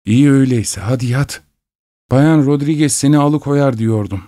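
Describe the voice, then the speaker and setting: A man's voice: medium pitch, moderate pace, warm tone, no room sound, studio quality, voice pushed up, lightly acted. A man voicing a stern, anxious middle-aged mother in an audiobook, giving urgent commands. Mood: questioning. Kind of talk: audiobook reading.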